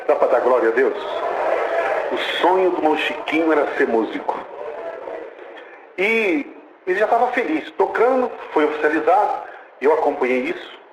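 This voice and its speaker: A Brazilian man with a somewhat high voice preaches a testimony at a moderate pace, pausing often and speaking with a Brazilian Portuguese accent. He tells the story with animation, acts out the dialogue, and exclaims praise. The recording is roomy and lo-fi with background noise.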